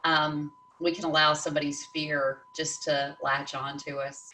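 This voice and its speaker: Lively woman host, echoey distant sound. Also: deep voice, unhurried, slight background noise. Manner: animated storytelling with frequent laughs. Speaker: podcast host. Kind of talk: casual conversational interview.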